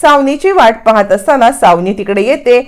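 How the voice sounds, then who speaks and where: A woman narrating a TV serial episode in a steady storytelling manner. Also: on the high side, moderate pace.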